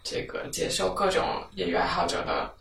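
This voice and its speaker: A woman's voice: lowish voice, little pitch movement, brisk, creaky, fairly bright tone. Woman, podcast host, casual chat, playful questions, roomy echo, noisy. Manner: chatty, asks playful questions. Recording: roomy, distant mic with noise.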